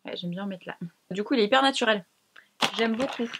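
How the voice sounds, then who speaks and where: A woman's voice: medium pitch, fast, background noise. Chatty woman reviewing makeup. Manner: chatty, slangy, self-mocking. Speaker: beauty vlogger. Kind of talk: casual makeup review to camera. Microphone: camera mic.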